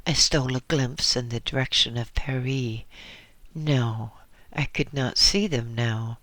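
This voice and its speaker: A man narrating a first-person memoir as an audiobook, in a measured, dramatic way. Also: medium pitch, fairly even intonation, a bit bright, no echo. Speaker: audiobook reader.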